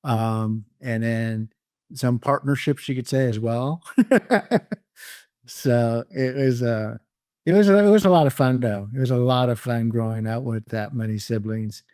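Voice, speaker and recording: A middle-aged man, born in Canada and raised in California, tells his life story as a podcast guest in a calm, reflective way. His voice is smooth and clear at a middling pitch, and the recording is dry and close. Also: unhurried, no echo. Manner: calm, reflective, laughs lightly. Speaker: guest entrepreneur. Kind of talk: casual interview storytelling.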